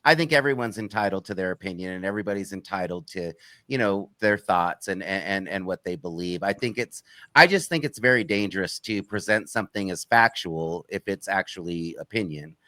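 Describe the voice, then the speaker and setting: A man's voice: low voice, lively intonation, brisk, pushed and bright, no room sound. A man who runs a true-crime channel, talking as a guest on a video call, hedging and restarting often. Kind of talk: casual panel discussion.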